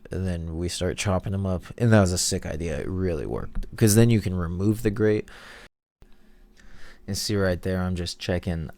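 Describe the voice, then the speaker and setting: Low, creaky and warm, this young man's voice is also nasal and stuffed-up as he hosts and talks over his own video. He rambles in relaxed slang, using a voice-over mic with headphones on for monitoring.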